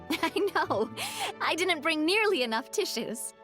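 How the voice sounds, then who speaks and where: An actress playing an excitable, chirpy young gaming enthusiast in a video game. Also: female voice, sits high, takes it slowly, over music. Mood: cheerful.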